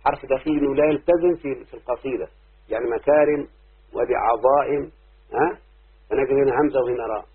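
A sheikh with an Egyptian Arabic accent delivers a classroom lecture on Arabic rhyme in a mid-range, slightly rough voice, talking a little fast. He keeps putting repeated questions to his students, and the recording is very tinny and lo-fi.

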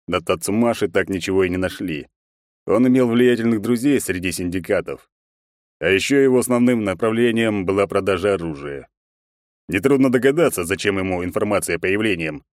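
A man narrating an audiobook in a steady, measured reading. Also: sits low, no echo, studio quality. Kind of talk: scripted narration.

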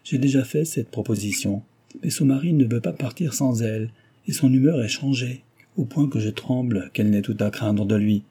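Give me a distressed, apologetic young brother, read by a man with a dark husky voice. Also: mid-range voice, normal speed.

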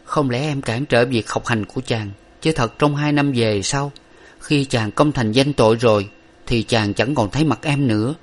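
Tearful devoted young woman, pleading and gentle, raised pitch, audiobook reading, as a man puts her on. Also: normal speed, lightly acted. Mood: tender. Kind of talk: audiobook reading of an old novel.

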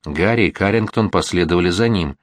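Low-voiced male audiobook narrator. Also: no room sound. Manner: even, measured reading. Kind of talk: scripted narration.

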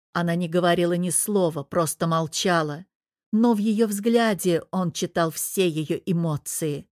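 A woman narrating an audiobook in a steady, even storytelling manner. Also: on the low side, no room sound, studio quality. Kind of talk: scripted narration of a romance novel.

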